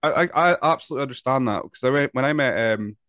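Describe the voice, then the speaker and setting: Fast-talking Scottish man in his thirties. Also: mid-range voice, a bit bright, no room sound. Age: 30s. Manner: chatty, stumbles and repeats words. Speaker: podcast host. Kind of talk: casual interview chat. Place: home room over a video call. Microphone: large studio mic with headphones.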